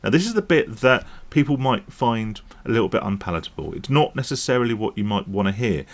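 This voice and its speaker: On the low side and very animated, his voice moves fairly quickly. A YouTube vlogger about gambling recovery, he rambles casually to camera, checking in with "right?" and "okay?" as he goes.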